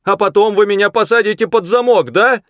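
A man's voice: fairly low pitch, lively intonation, normal speed, no room sound. A man voicing a bold orphan boy who talks back in a ringing, defiant voice.

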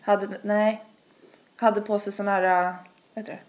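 A woman's voice: mid-range voice, monotone, a little mellow. A young woman, rambling through a long story in casual podcast chat, full of fillers. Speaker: podcast host.

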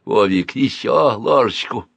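A man's voice: medium pitch, animated, measured pace, no echo, full character voice. A man voicing a fussy middle-aged uncle who coaxes and bullies a boy into eating. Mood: coaxing. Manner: coaxing, then hoarse snarling.

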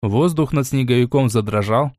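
A man narrating a fantasy audiobook in a measured, even reading. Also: mid-range voice, no room sound, studio quality. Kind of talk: scripted narration.

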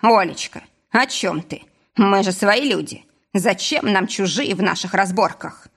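A woman reading a menacing male boss who threatens in a husky voice, mock-sweet at times. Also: mid-range voice, animated, measured pace, fairly bright tone, full character voice. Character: menacing middle-aged male boss, villain.

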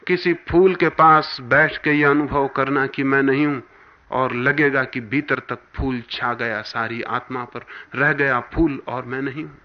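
A man giving a spiritual discourse, emphatic, with forceful rises and sudden hushed drops. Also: medium pitch, fairly even intonation, measured pace. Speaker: spiritual teacher. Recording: dull lo-fi archival talk recording.

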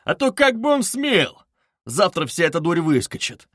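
A man voicing a tipsy young man, loud, blustering and drunkenly emphatic. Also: on the high side, expressive, moderate pace, no room sound, clean studio sound, pitched above the performer's own voice. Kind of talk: audiobook character reading.

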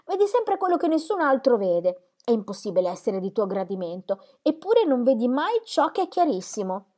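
A woman reading aloud and voicing Celia, a sharp, teasing young woman who talks in a quick, insistent way. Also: a little high, sing-song, voice pushed up. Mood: needling.

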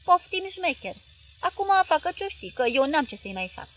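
A woman reading an audiobook plays a gruff, growling man, full of scorn and anger at a relative, his words pushed out loud and high. He snaps and grumbles indignantly at his wife. A faint hiss sits under the reading. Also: sing-song. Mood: angry, scornful.

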